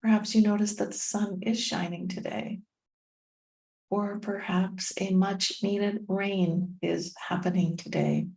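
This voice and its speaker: Speaking very slowly, a woman leads a meditation in a relaxed, soft-edged voice of middling pitch. She offers gentle short phrases separated by long, soothing pauses. She is a meditation guide and tapping coach, and the recording is creaky and low in quality.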